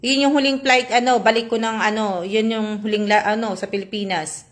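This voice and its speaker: A woman's voice: a little high, steady tone, a little fast. A woman from the Philippines chatting on a live stream, reading viewer comments aloud in a polite, chatty way full of fillers and tag questions.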